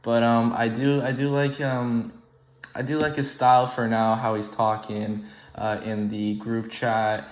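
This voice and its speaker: In poor, echoey audio, a young UK-born man hosts an online game and offers casual, unscripted commentary. His medium-pitched voice moves little in pitch and stays unhurried, while he rambles with frequent ums and restarts.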